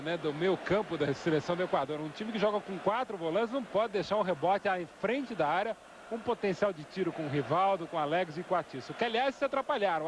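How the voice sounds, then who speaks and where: A Brazilian man giving live football analysis as co-commentator, explaining his opinions in long asides. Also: high voice. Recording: noisy outdoor stadium broadcast. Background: stadium crowd noise.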